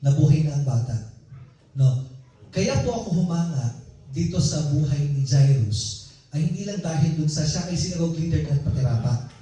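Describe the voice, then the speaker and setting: A man with a high, mellow voice preaches a sermon, telling it like a personal story as he talks to the congregation. He is recorded from a distance in a very echoey church hall. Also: animated, moderate pace.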